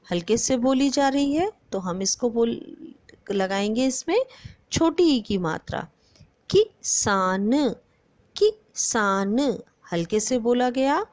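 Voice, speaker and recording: A woman teacher talks young pupils through a grammar lesson with a fairly high, very animated voice. She speaks slowly and stretches out each example word, often stopping to put questions to the children. The sound is dry and close. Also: dry recording. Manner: slow and deliberate, stretching out example words; addresses the pupils often and asks them questions. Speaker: primary school teacher.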